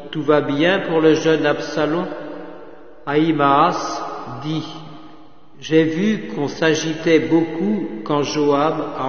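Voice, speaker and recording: Male liturgical reader, unhurried solemn delivery, long reverb in a church, muffled lo-fi capture. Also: fairly high pitch. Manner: measured, solemn, partly chanted. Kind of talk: slow liturgical scripture reading, partly chanted. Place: chapel or church. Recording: reverberant church, dull lo-fi sound.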